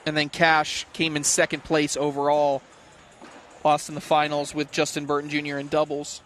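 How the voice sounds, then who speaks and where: Higher-voiced man calling cornhole. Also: monotone, moderate pace, fairly bright tone, slight background noise. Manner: bantering, analytical. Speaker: cornhole commentator. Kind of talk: casual sports commentary. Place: commentary booth at a tournament.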